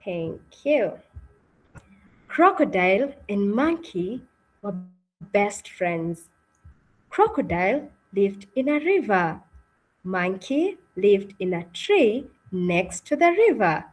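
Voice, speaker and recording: The audio is poor, but her mid-range voice comes through very animated, slow, and a little mellow. She's the host and narrator of an interactive online read-aloud on a video call, encouraging her listeners and checking in with them frequently.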